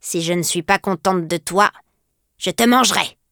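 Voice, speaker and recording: Brief: menacing old storybook witch, played by a woman, growled threats, loud. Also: on the low side, moderate pace, no echo, clean studio sound. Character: old child-eating forest witch, gruff and menacing.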